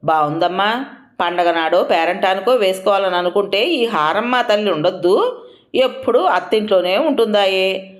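A woman's voice: medium pitch, moderate pace, lightly acted. A woman voicing a playful, teasing young woman who is a daughter in the story. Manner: lively and teasing.

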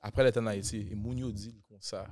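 A man's voice: lowish voice, fast. A man, a podcast guest chatting casually and acting out his family's lines as he tells stories. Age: 20s. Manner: animated storyteller, acting out family members' lines; mixes in English phrases mid-sentence. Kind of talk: casual chat.

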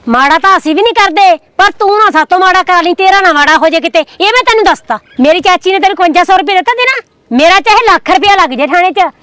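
A hot-tempered village wife, acted by a woman in a homespun family drama, with a Malwai Punjabi accent. Her very high voice rattles along fast, heard dry and close with little room sound. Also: animated, fairly bright tone, no room sound. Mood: threatening. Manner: quick, threatening, hot-tempered. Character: fiery village wife, young adult.

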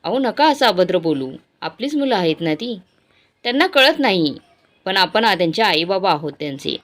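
A woman's voice: medium pitch, sing-song, moderate pace, a bit bright. A woman doing a firm elderly mother. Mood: soothing. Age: older.

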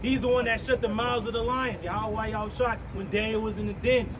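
A man's voice: high voice, steady tone, fairly quick, crowd noise. A man preaching informally on the street, explaining scripture in a brash, slangy, swearing manner. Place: outdoors on a sidewalk by a storefront. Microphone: camera a few metres away. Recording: noisy outdoor street recording, distant microphone, traffic.

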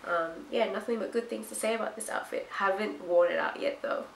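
A woman's voice: medium pitch, brisk, creaky, over loud music. A young woman with a blocked-up nasal voice from a cold, chatting casually to camera as a fashion vlogger. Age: young adult. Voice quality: nasal, congested. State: sick with blocked nose and itchy throat. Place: small hard-walled room indoors. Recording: roomy echo, faint background noise.

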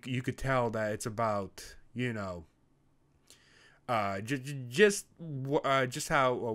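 A man reacting to an anime opening in casual commentary, excitable and swearing a lot, with sudden high-pitched laughs.

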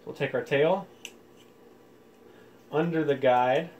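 This tutorial host is a man whose voice is a little high and a little mellow, and he takes things slowly as he explains a casual how-to demonstration step by step. The audio is dull. He is indoors in a room with audio equipment, with clear background room noise.

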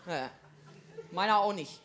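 A woman's voice: lowish voice, lively intonation, unhurried, fairly bright tone, slight background noise. A woman delivering a stand-up comedy monologue in brash, gossipy housewife banter full of broad slang.

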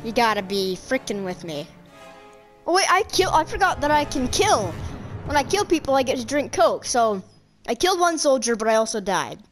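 A chatty woman talks her way through a video game match in casual commentary, her voice sitting a little high. She reacts loudly to every twist of the game. Game music plays clearly behind her. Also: big pitch swings, moderate pace. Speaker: gamer. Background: game music and sound effects.

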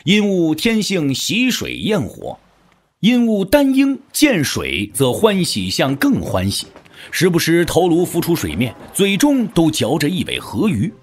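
This fairly high-pitched man gives a dramatic audiobook reading of a martial-arts novel, pacing it in a measured, expressive way. Music runs underneath his narration.

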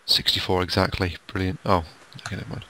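A man co-hosting a casual game commentary, chatty and rundown-style, with a sleepy, croaky late-night voice. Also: sits low, level tone, fast talker, crowd noise. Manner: chatty, tour-guide rundown with fillers. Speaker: let's play co-host.

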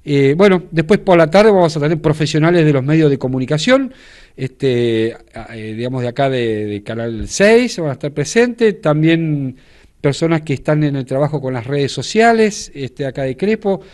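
Older church leader, fairly high voice. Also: male voice, lively intonation, normal speed, darkish tone. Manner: explanatory, with many fillers and restarts. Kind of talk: TV news interview. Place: indoors in front of a studio backdrop.

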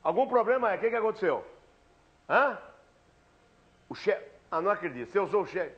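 A man playing a prank in a bar, arguing loudly on a fake phone call and repeating himself in exasperation. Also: high voice, sing-song, fairly quick. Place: restaurant or bar. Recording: dull hidden-camera audio with background noise.

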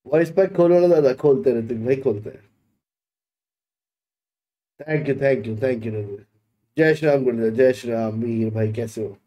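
Here the Indian-accented streamer, a man in his thirties, keeps things informal as he answers viewer messages during a casual livestream, hopping between English and Hindi in his small indoor gaming room. The audio is dull; his pitch is medium, his pace moderate, and he pauses often.

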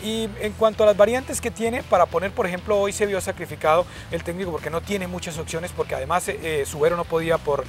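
A man in his thirties with a Colombian accent co-hosting a football show outdoors, giving unscripted analysis in halting phrases. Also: sits high, soft background music. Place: outdoors in a park at night. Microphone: lapel mic.

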